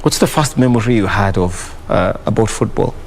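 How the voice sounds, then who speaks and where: A man's voice: on the low side, moderate pace, vocal fry, a little hiss or hum. Probing man hosting a sports talk show. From Kenya. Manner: probing, hesitant, many "you know" fillers. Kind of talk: studio discussion.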